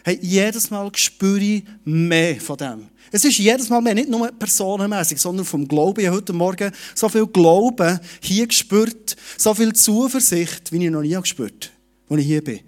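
A middle-aged man preaching a sermon in a lively, direct way, speaking to each listener personally. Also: high-pitched, normal speed. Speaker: pastor.

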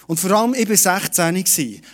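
A middle-aged man preaching a sermon in a lively, direct way, speaking to each listener personally. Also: high-pitched, fast talker. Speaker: pastor.

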